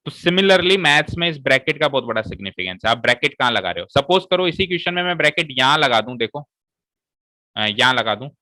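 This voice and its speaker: Male maths teacher, bright forceful voice, walks students through each step, dry close recording. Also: medium pitch, dry recording, rough recording. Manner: explains step by step and checks with students. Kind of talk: classroom maths lesson.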